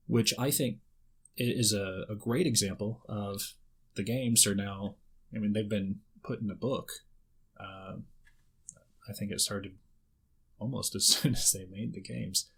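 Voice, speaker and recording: A man's voice: fairly low pitch, fairly even intonation, measured pace, gravelly, long pauses, a bit bright, slightly rough. A man in his thirties, a writer, talking casually in a conversation, rambling and often repeating words as he starts a thought. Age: 30s. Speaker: guest writer.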